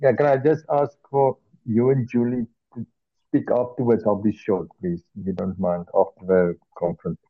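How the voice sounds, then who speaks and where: A man's voice: lowish voice, steady tone, moderate pace, husky, no echo. A man with a South African accent, speaking up as a congregation member in a muffled recording. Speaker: congregation member making a request. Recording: muffled, lo-fi pickup.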